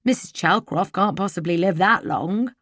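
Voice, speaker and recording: A woman voicing a sly, mocking young gentleman villain for an audiobook. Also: on the low side, normal speed, no room sound. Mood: smug. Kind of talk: audiobook character voice.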